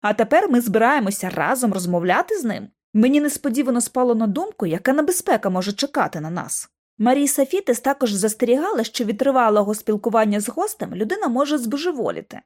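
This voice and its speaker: A woman reads a first-person audiobook with expressive, dramatic delivery. Her voice is high and very lively, rising and falling across each sentence. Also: fast. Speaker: audiobook narrator.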